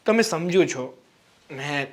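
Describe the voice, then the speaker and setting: A man's voice: fairly high pitch, expressive, slow. A man playing a lecturing younger brother-in-law. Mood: persuading. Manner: coaxing, then loud and exasperated. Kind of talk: family drama acting.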